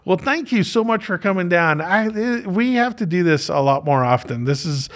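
A man's voice: sits high, animated, moderate pace. A man hosting a casual podcast interview, talking in a chatty, jokey, informal way. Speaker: podcast host. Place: podcast studio.

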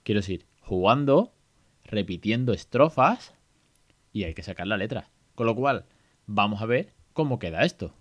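A man's voice: on the low side, animated, normal speed. A man talks through a casual podcast monologue. He is colloquial and self-mocking, and he restarts his sentences often. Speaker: podcast host and parent.

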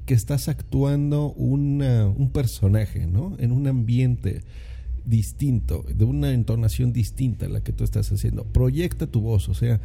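Gravelly relaxed man podcasting. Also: medium pitch, measured pace. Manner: relaxed, rambling with many fillers and tag questions. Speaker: podcast host. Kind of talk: casual solo podcast talk. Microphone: condenser microphone.

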